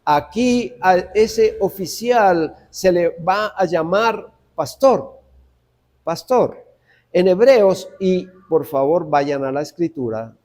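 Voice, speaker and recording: Guy preaching a sermon, high voice, slow and deliberate, keeps repeating his point right at the congregation. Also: darkish tone. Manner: emphatic, repeats key phrases, addresses congregation directly. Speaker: pastor.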